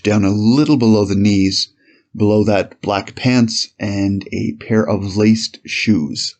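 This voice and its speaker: Playing an 1890s policeman on the witness stand, a man delivers formal, measured and slightly hesitant testimony in a dramatized courtroom reading. His voice is fairly low in pitch, with a darkish tone.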